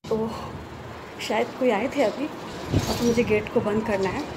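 A woman with a Bengali accent vlogging casually at home, talking fast and chatty with many fillers. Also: on the high side, heavy background noise. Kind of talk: casual vlog to camera. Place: at home, hot room with fan running.

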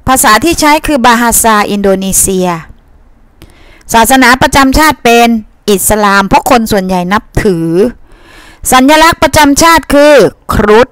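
A woman's voice: high voice, expressive, normal speed, a bit bright, no room sound. A woman teacher giving a reading lesson in a chatty way, asking her pupils questions and answering them herself. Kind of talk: reading-comprehension lesson to students.

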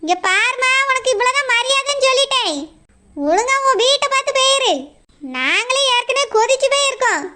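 A middle-aged woman with a Kanyakumari Tamil accent plays a proud village mother, the runaway girl's mother, defending her daughter. Her very high voice is expressive, brisk, bright and forceful, a full character voice as she sternly warns and argues back in indignation.

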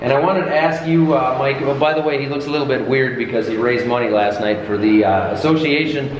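A man's voice: mid-range voice, brisk. A man in his thirties from the Minnesota area, a farmer casually interviewing guests in a busy expo hall. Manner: friendly, relaxed questioning. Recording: dull camera audio with background noise.

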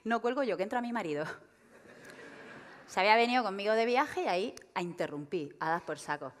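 A woman from Spain performing a stand-up comedy monologue, telling stories with lively acted-out dialogue. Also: medium pitch, a little fast. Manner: lively storytelling, acting out dialogue. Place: theater stage. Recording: long reverb of a theater hall.

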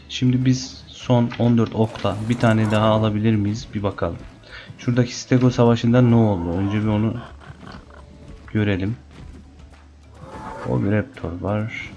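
A man's voice: on the low side, fairly even intonation, moderate pace, long pauses, mellow, highs cut off, soft background music. A man commenting on his gameplay and playfully taunting the animals in the game. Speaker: gaming channel host. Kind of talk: Let's Play commentary.

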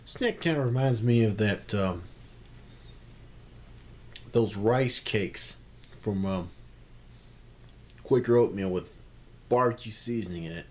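Slow-talking young man, halting delivery. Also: darkish tone. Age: young adult. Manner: halting, hesitant, low-key delivery. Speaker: snack reviewer. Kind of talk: casual video food review. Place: small room at home, indoors. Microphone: camera at about arm's length. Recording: faint background noise, amateur camera.

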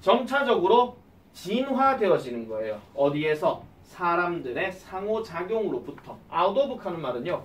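A male English teacher, giving an exam-prep lecture and quizzing his students with quick questions. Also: sits high, roomy sound, distant mic.

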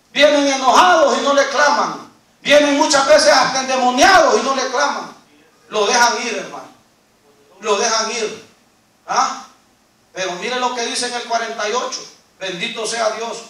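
A man delivers a Pentecostal sermon in a strikingly high, bright voice. He keeps prodding his listeners and swings from shouted declarations to hushed asides. The recording comes from some distance away, drenched in the echo of a large church hall. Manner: fervent, calls out "¿ah?" and "hermano" to the congregation; swings between shouting and near-whispered asides. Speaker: preacher. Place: church sanctuary.

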